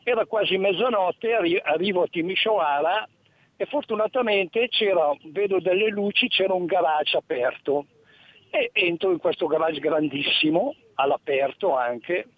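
An older man calling in to a radio show over a phone line, telling an anecdote in a halting way with many restarts. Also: high voice, dry recording. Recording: tinny phone line, dry.

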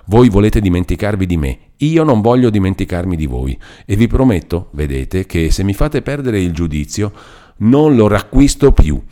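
A man's voice: deep voice, normal speed, darkish tone, lightly acted. A man reading aloud voices a hurt, stubborn young man who speaks in an impassioned, reproachful way.

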